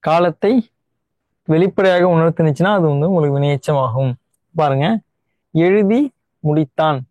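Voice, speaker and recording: A young male teacher with a Tamil Nadu Tamil accent explains grammar step by step, slowing down to repeat each key word. His voice sits high for a man. The sound is dry and close, with no room echo. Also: darkish tone, highs cut off. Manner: explains step by step, often checks in with "right?"; repeats key words slowly to stress them. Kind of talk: online exam-prep lesson.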